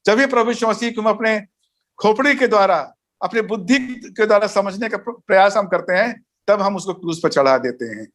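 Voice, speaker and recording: High-voiced pastor teaching Bible study. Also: male voice, expressive, brisk, fairly bright tone. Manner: didactic, enumerates points, tells jokes and anecdotes. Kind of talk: recorded teaching session.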